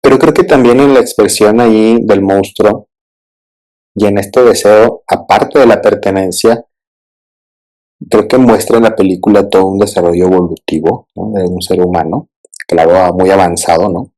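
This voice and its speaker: A man's voice: fairly low pitch, fairly even intonation, moderate pace, dark tone, poor audio. A man, a therapist, talking reflectively through a film analysis and often checking in with his listeners. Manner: thoughtful, often asks listeners "¿no?" and "¿sí?".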